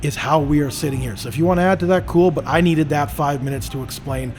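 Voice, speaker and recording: A man's voice: on the high side, quick pace, darkish tone, soft background music. A middle-aged man from Canada hosting a podcast, talking in an emphatic, lecturing way. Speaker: podcast host. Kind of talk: casual conversation.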